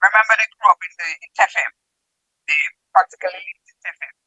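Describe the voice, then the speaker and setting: A woman's voice: medium pitch, steady tone, quick pace, sharp tone, slightly rough, dry recording. A woman chats as a podcast guest over a phone line that keeps cutting out and fading. Her voice is dry with no room sound, and she sometimes drifts away from the mic. She tells her stories at an easy pace and restarts her sentences. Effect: call dropping out, signal breaking up. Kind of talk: casual reminiscing over a call. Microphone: phone call.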